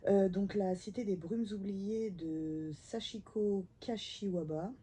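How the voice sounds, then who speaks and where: A woman's voice: mid-range voice, steady tone, slow pace, dark tone, a little hiss or hum. A woman, probably in her thirties, chatting enthusiastically about her reading pile into a camera at home, with whispered asides. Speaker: book vlogger. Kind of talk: casual book haul chat. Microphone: camera mic.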